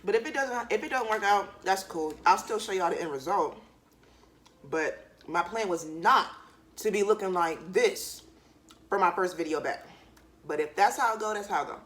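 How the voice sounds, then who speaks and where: A woman's voice: medium pitch, moderate pace. Casual woman chatting while eating. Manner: candid and relaxed, loose slang, frequent fillers. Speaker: vlogger. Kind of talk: casual chat to camera.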